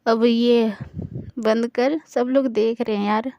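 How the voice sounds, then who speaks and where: A woman voicing a young woman who calms and reassures her best friend. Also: a little high, slow, no room sound, dull audio. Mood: reassuring.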